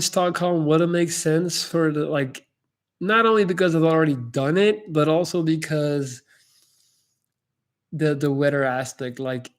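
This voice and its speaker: This Belgian man, whose first language is Dutch, has a voice on the high side. As a YouTuber running a casual livestream Q&A, he talks candidly and loosely, peppering his speech with "like" and frequent restarts.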